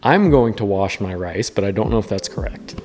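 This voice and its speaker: A man's voice: lowish voice, animated, moderate pace, a little mellow. A drunk man chatting casually as he hosts a cooking vlog in a kitchen, goofy and giggly, given to bursts of exclamation. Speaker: host of a drunk cooking video. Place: indoors in a kitchen. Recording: reverberant room, music behind.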